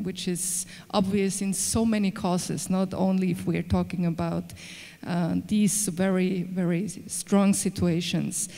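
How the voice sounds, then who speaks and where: A woman's voice: mid-range voice, mellow. A woman moderating a stage discussion into a handheld microphone, phrasing questions carefully and searching for words. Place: large formal hall indoors. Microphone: handheld mic. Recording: long hall reverb.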